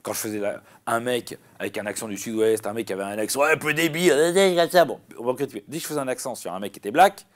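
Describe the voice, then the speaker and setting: A man, a comedian chatting in an interview, rambling and animated with many restarts. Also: lowish voice, rapid-fire, hardly any pauses. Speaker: comedian guest. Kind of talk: casual interview chat.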